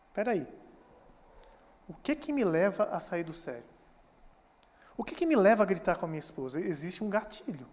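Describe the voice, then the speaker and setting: Man, Brazilian Portuguese accent, pastor, animated sermon, high voice, reverberant church hall. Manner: animated preaching, acts out quoted church members. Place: church sanctuary.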